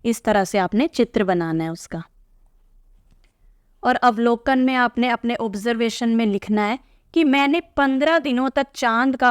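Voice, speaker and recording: Woman teacher going over a school lesson real slow, clear smooth voice, dry close sound. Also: on the high side, no room sound. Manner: slow, patient, checks in with "theek hai?". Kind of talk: explaining a textbook lesson to young pupils.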